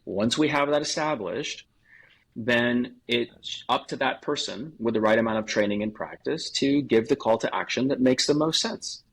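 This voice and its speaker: As a podcast guest, a sales coach gives conversational expert advice, laying out points one after another and acting out sample phrases. His mid-range voice is creaky and husky at a moderate pace, and the audio quality is poor.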